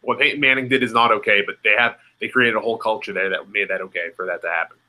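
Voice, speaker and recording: Young man with a very bright, lowish voice. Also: fairly even intonation, fast talker, low-quality recording. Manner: conversational, hesitant with fillers. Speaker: podcast co-host. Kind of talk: casual chat.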